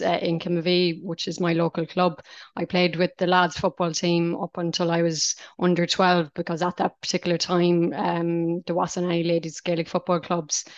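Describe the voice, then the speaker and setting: Smooth, even-toned west of Ireland woman. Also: lowish voice, dry recording, highs cut off. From County Mayo, west of Ireland. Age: 30s. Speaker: podcast guest, Gaelic footballer. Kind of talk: conversational interview answers.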